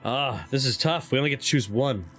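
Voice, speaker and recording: A man's voice: mid-range voice, a little fast, fairly bright tone. A man livestreaming a game, chatting casually and reading options aloud as he plays. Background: faint game music.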